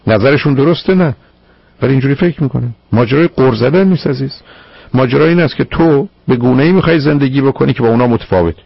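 A man's voice: mid-range voice, vocal fry, slightly rough, dry recording, highs cut off. A man hosting a radio call-in show as a psychologist, probing and lecturing his caller firmly. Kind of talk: call-in advice counseling.

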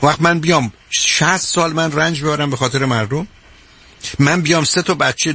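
A man's voice: medium pitch, sharp tone, breathy edge. A man from Iran, a psychologist hosting a call-in show, lecturing a caller emphatically and often calling her "dear". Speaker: radio psychologist host. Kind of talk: call-in advice talk.

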